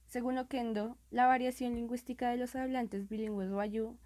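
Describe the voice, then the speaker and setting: Woman reading out stats, kinda higher voice but mellow and warm. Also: little pitch movement, moderate pace. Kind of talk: read narration.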